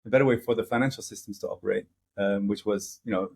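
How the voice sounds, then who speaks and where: A man's voice: fairly low pitch, steady tone, quick pace, vocal fry, a little mellow, slightly rough. A middle-aged man talking as an interview guest, casual and hesitant, with frequent fillers and restarts. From grew up in several countries.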